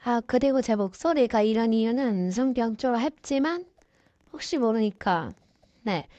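A woman with a sore throat from a cold, speaking through a voice changer in halting, flustered, casual game commentary. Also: fairly high pitch, animated, mellow, no room sound. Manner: halting, easily flustered, apologetic. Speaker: gaming YouTuber. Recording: dull, lo-fi, dry sound.

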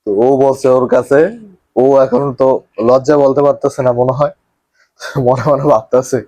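A man's voice: medium pitch, little pitch movement, moderate pace, mellow. Man reacting to clips. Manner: exclaims and echoes lines from the clip. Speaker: reaction video host. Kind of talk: casual reaction commentary.

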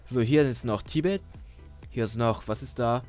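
A man's voice: medium pitch, moderate pace, darkish tone. Rambling young man with a headset. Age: young adult. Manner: rambling, hesitant, laughs at own jokes. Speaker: YouTuber. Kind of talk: casual screen-share commentary. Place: small bedroom at a desk. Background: faint background music.

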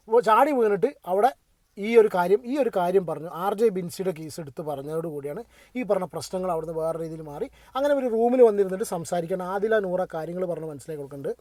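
A man's voice: high-pitched, a little mellow, no room sound. A man giving casual, opinionated commentary on a reality show, chatting straight to his viewers and asking what they think. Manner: chatty, addresses viewers directly, asks for their opinion.

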